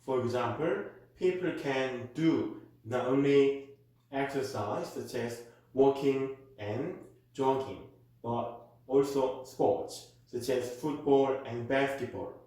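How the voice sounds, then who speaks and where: A man with a Korean accent, a native Korean speaker, teaching as a tutor and reading model exam answers aloud at a slow, careful pace for learners. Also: medium pitch, warm tone. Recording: very echoey room.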